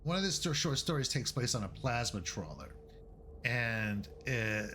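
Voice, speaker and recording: A man's voice: fairly low pitch, a bit bright, slight background noise. A man running a tabletop game as game master, talking casually and rambling, with some swearing.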